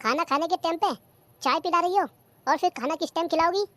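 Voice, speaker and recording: A performer voicing a cheeky, lazy young daughter-in-law who talks back, in a cartoon comedy. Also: female voice, very high-pitched, quick pace, fairly bright tone, dry recording. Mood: sassy.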